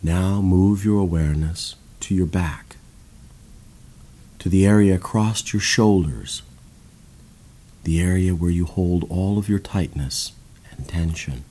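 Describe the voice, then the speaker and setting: A man guiding a slow, calm breathing and body relaxation exercise in a soothing voice. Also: low voice. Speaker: meditation guide. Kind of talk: guided relaxation narration.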